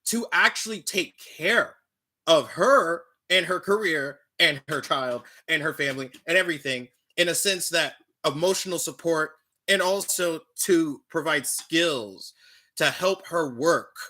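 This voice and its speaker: A man with a fairly high, strikingly bright voice speaking earnestly as a live-stream co-host. He lays out his points in a measured way, often restarting his sentences.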